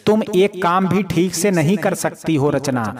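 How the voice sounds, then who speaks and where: A man's voice: high-pitched, a little slow, crowd noise. A man voicing Samar, a young man who is brotherly with his friend and angry with his wife, read plainly in a storybook reading. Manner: says "my brother" often.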